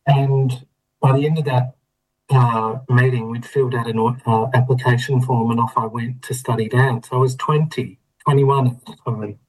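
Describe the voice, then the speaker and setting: Poorly recorded, a medium-pitched, darkish male voice holds a steady tone at a moderate pace. He's a middle-aged Australian guest in a relaxed interview, reflectively recounting his story with frequent restarts and the odd laugh.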